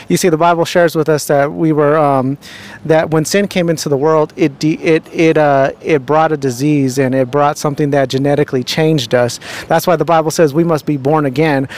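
A young man holding a handheld mic interviews people on a city street outdoors, speaking earnestly and preachily with lots of fillers and restarts. His voice is fairly high in pitch with a darkish tone.

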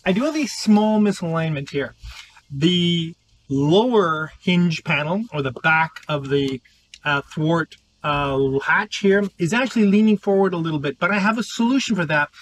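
A man's voice: a little high, a bit bright, a little hiss or hum, low-quality recording. A middle-aged man giving casual, upbeat how-to narration while working on a wooden boat outdoors, recorded on a nearby action camera. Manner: upbeat, explains each step while working. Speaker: boat-living vlogger. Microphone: wide-angle action camera nearby.

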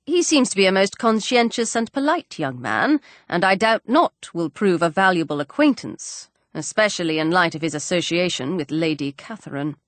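A woman voicing a dry, ironic older gentleman and father who speaks in a wry way. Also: fairly low pitch, very animated, normal speed, hardly any pauses, dry recording.

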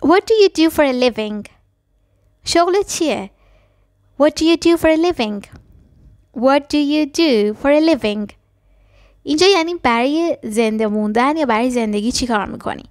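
A woman teaching a language lesson, explaining quickly and then repeating short phrases slowly and carefully. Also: sits high, expressive, no room sound, clean studio sound. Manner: switches between fast explanations and slow, careful repetitions. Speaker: English teacher.

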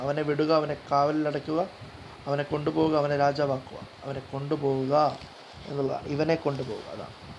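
A man's voice: on the high side, darkish tone, a little hiss or hum, low-quality recording. A man reading quiz questions aloud, listing each answer option and then repeating the correct one, with the odd slip and restart. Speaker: quiz guide reader.

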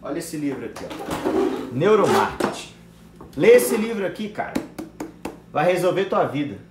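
A man's voice: a little high, big pitch swings, normal speed. A young man with a Brazilian accent teaching a live class on online sales, blunt and slangy, swearing and calling viewers brother. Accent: Brazilian Portuguese. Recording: echoey room with faint ambient noise.

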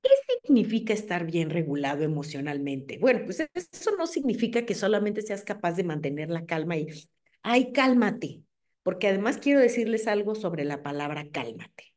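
A middle-aged woman with a Mexican accent, giving an animated talk to a group of mothers and checking in with them as she goes. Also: fairly low pitch, brisk, hardly any pauses. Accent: Mexican Spanish. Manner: animated, asks the audience "¿ok?".

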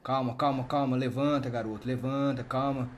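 A man with a Brazilian Portuguese accent playing a firefighter medic in a game roleplay, urgent and commanding, counting out loud as he works. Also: mid-range voice, fairly even intonation, a little fast, crowd noise. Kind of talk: game roleplay over voice chat.

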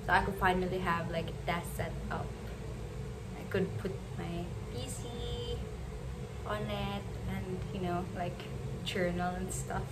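A woman, chatting casually through a vlog, soft-spoken and laughing easily. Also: fairly low pitch, a little slow, heavy background noise. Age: 20s. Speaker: vlogger. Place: small apartment room, indoors. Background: background music.

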